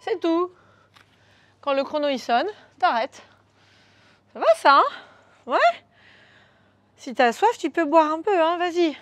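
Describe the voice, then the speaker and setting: A woman's voice: high voice, slow pace, pauses often, a bit bright, no echo. A woman coaching a beginner workout, upbeat and coaxing, counting moves aloud as she demonstrates. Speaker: fitness coach. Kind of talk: guided workout instruction.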